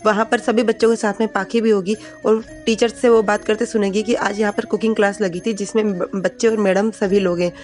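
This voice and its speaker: A woman recaps a TV serial episode in a plain, casual narrating voice, reading characters' quoted lines without performing them. She speaks at a medium pitch with a flat delivery and a darkish tone, moving briskly with few pauses over soft background music.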